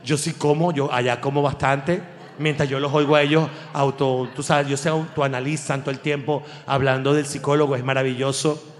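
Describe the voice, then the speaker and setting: A man with a Venezuelan accent hosting a comedy show in a profane, animated stand-up monologue that keeps jumping into mock voices. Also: medium pitch, fairly quick. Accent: Venezuelan Spanish. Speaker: comedian host. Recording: long hall reverb.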